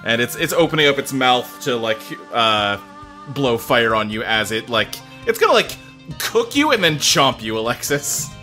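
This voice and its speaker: A man's voice: mid-range voice, big pitch swings, moderate pace, bright, forceful tone, faint music behind. A man improvising narration as game master in a hesitant, conversational way.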